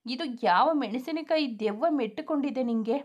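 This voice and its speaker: A woman voicing a young elder brother who teases his sisters and turns quiet when hurt. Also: sits high, moderate pace. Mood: teasing. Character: loving, teasing young man, an elder brother.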